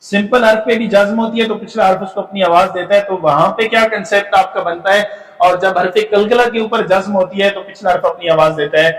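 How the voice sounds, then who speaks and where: Man, patient tajweed teacher, high voice, echoey distant mic. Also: steady tone, a bit bright. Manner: patient explaining with filler pauses and demonstrated syllables. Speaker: Quran recitation teacher. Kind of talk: slide-based tajweed lesson.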